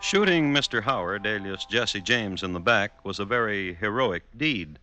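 A man giving scripted old-time radio narration, measured and dryly ironic. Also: fairly low pitch, animated, pushed and bright, faint music behind. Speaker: host and narrator.

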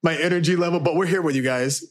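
A man with a fairly high voice banters casually as a podcast co-host. He keeps things informal and leans on short, emphatic phrases that he likes to repeat. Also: quick pace. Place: holiday rental, remote call.

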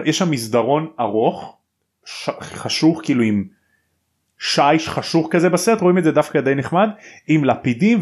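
A man hosting a podcast, casually retelling and explaining a story in a chatty, slangy way. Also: medium pitch. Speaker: podcast host.

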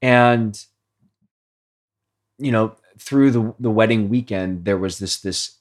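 A man's voice: on the low side, takes it slowly. A man hosting a podcast as a coach, talking earnestly and reflectively about his own experiences in a heartfelt conversation.

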